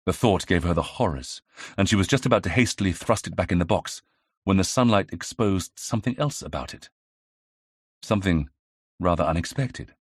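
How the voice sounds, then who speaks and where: A man narrating a mystery audiobook in a measured storytelling manner. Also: sits low, expressive, husky, no room sound, clean studio sound. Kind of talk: scripted narration.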